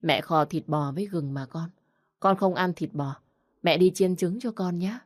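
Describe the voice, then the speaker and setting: A woman's voice: fairly low pitch, moderate pace, a little mellow, no echo, clean studio sound, lightly acted. A woman doing a weary older mother-in-law. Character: put-upon older mother-in-law, defensive.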